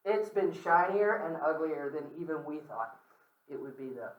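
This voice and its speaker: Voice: mid-range voice, lively intonation, normal speed, lo-fi sound. Candid lecturer in an echoey room. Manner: conversational, checks in with "okay?" and "right?"; candid, with asides and light humor. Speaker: guest speaker on death and dying. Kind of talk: informal lecture to a campus audience. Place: large room with an audience. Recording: roomy echo, speaker far from the mic.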